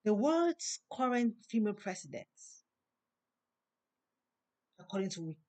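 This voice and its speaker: Woman preaching slowly with emphatic rises. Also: mid-range voice, big pitch swings, dark tone. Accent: non-native English. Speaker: host. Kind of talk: inspirational monologue.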